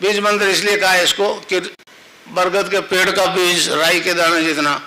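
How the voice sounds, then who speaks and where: A man's voice: sits high, level tone, normal speed, pushed and bright, low-quality recording. A man speaking as a spiritual guru to his followers, plain-spoken and repetitive, at times leading the listeners through a chanted mantra.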